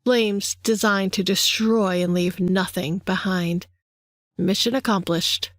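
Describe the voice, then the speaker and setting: Measured woman audiobook narrator. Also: medium pitch, fairly even intonation, dry recording, clean studio sound. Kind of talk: scripted narration.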